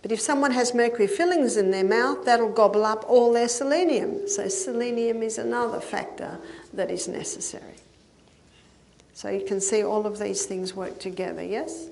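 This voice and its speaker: A woman's voice: on the high side, moderate pace, creaky, darkish tone, slight background noise. Older lady health lecturer, explains step by step, asks the crowd yes? a lot. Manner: explanatory, with occasional laughs and checking questions. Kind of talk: lecture with audience questions.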